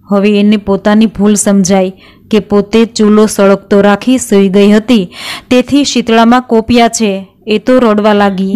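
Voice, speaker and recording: A middle-aged woman tells a devotional folk tale at an even, unhurried storyteller's pace. Her voice is smooth and clear, sitting at an ordinary middle pitch. She reads the characters' lines in the same plain voice she uses for the narration. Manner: steady, plain storytelling with quoted dialogue read in the same voice.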